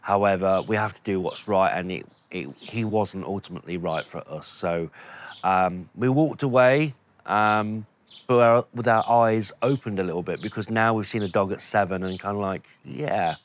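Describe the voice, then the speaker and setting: A man with a head cold, talking with a nasal voice in a relaxed, rambling vlog. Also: on the low side, moderate pace. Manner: relaxed, rambling with many fillers. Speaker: vlogger. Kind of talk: casual vlog to camera.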